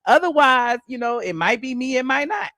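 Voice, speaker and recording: A woman's voice: high voice, lively intonation, normal speed, a bit bright, no echo, clean studio sound. A woman with an Atlanta accent hosting a casual live stream, sassy and chatty, full of fillers and asides. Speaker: host.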